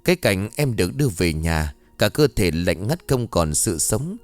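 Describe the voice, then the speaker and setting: A man narrating a ghost story in a somber, expressive storytelling manner. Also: on the low side, normal speed. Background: faint music.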